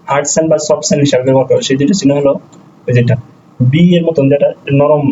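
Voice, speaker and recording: A man teaching a beginner's language lesson step by step, slowly spelling out letters and repeating each sound several times. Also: fairly high pitch, dark tone, highs cut off, slight background noise.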